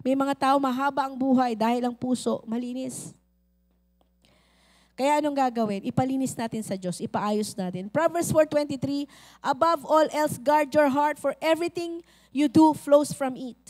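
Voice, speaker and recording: A middle-aged woman pastor with a Filipino accent, preaching a lively sermon that mixes in English, acting out little scenes and calling out to the crowd. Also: sits high, normal speed.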